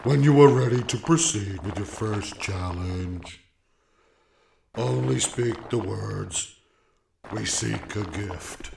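Narrator as a grumpy ancient rock guardian, gravelly and slow, bored of everyone. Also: male voice, reverberant, noisy background, full character voice. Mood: solemn. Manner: slow, weary, booming. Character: gloomy ancient male stone warden, bored and miserable.

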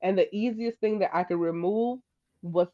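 A woman speaking as a podcast guest, earnest and conversational, lively when she acts out what others said. Her voice comes through slightly dull, lo-fi audio at a medium pitch. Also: moderate pace. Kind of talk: conversational storytelling.

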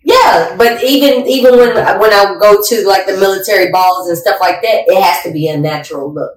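A woman co-hosting a podcast in casual chat, blunt and animated with a sassy edge. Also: mid-range voice, normal speed, roomy sound, recorded from a distance, a little hiss or hum, poor audio. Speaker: co-host.

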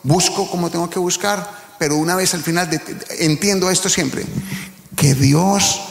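A man's voice: high-pitched, steady tone, normal speed, creaky. A middle-aged man, a pastor preaching a sermon earnestly, rising to fervent appeals. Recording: echoey hall with long reverb.

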